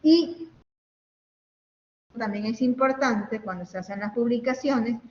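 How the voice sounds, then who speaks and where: A woman's voice: on the high side, slow pace, a little mellow. Woman lecturing with a hall-like echo. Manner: explaining step by step, often checking with "¿ok?" and "¿no?". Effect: echoing, hall-like reverb. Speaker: university lecturer. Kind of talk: online class lecture. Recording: echoey, dull audio with faint hiss.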